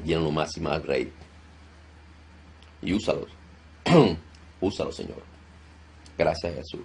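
Husky man shouting commands in a deliverance prayer. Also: a bass voice, slow. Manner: commanding, shouts rebukes loudly. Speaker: pastor.

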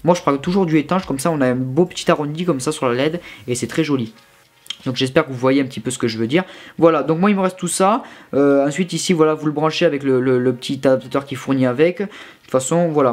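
A man's voice: fairly high pitch, a little mellow. A young man giving a casual product review from his bedroom, chatty and informal with many fillers and restarts. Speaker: tech reviewer.

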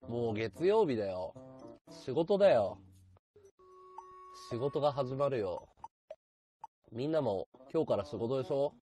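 Lively-pitched man chatting on a live stream. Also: measured pace, long pauses, faint music behind. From Chiba, Japan. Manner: relaxed, chatty, talks back to chat comments. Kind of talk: casual live-stream chat, reading viewer comments.

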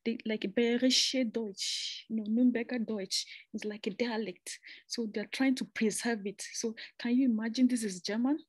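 A young Nigerian woman gives an informal slide presentation explaining a master's program, keeping it chatty and conversational and often restarting phrases with asides. Her voice is fairly high with fairly even intonation and a moderate pace, and there's no room sound.

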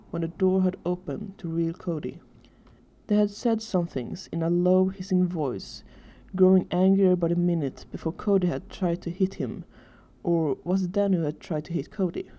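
A woman reads fan fiction aloud in a steady storytelling manner. Her voice is low and very dark and mellow. The recording sounds dull and lo-fi.

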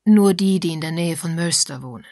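A man's voice: fairly high pitch, brisk, creaky, a little mellow, no room sound, clean studio sound. A woman reading an urgent, insistent male sleuth. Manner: urgent, raised voice.

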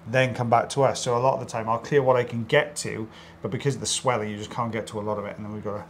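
Speaking very fast with a flat delivery and medium pitch, a middle-aged South Welsh audiologist gives joking, casual commentary straight to the camera while co-presenting a procedure video. A little hiss or hum can be heard.

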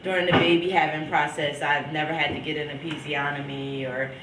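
A woman's voice: deep voice, flat delivery, brisk, recorded from a distance, noisy background. A young woman chatting casually in a home video diary, stuffed up with a cold and laughing between thoughts. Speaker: vlogger. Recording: echoey room, from off the mic.

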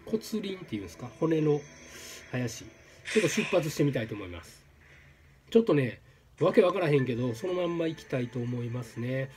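A man commentating his own gameplay, exclaiming and repeating words in quick bursts. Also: fairly high pitch, animated, darkish tone, a little hiss or hum. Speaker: game streamer. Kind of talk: excited let's-play commentary.

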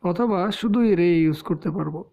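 A woman with a Bangladeshi Bengali accent teaching English pronunciation, explaining slowly with pauses and fillers. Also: lowish voice, dark tone. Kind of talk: spoken lesson. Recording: dull lo-fi sound.

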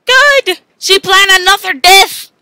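Woman as an excitable, shrill cartoon girl detective. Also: slow pace, slight background noise, exaggerated voice. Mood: accusing. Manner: theatrical, shouty exclamations. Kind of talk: animated comedy skit dialogue.

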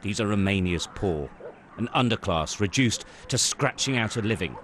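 An older man reporting and narrating a news report in a measured, grave way. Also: on the low side, lively intonation, noisy background.

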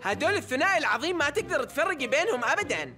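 A woman's voice: high-pitched, very animated, very fast, bright, forceful tone, soft background music, heavily acted. An actress voicing a dry, matter-of-fact young cartoon woman.

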